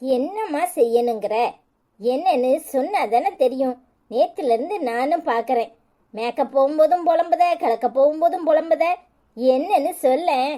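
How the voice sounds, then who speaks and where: Woman as a defiant cartoon bride, Tirunelveli accent, high, mellow voice. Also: moderate pace, lightly acted. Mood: curious. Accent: Tirunelveli Tamil. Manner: defiant, boastful. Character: bride, young woman, bold and cunning.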